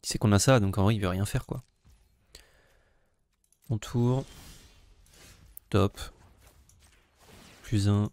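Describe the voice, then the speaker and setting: A man's voice: on the low side, steady tone, takes it slowly, pauses often, a little mellow. A man playing a card game, thinking aloud and muttering his moves in casual chat. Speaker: player.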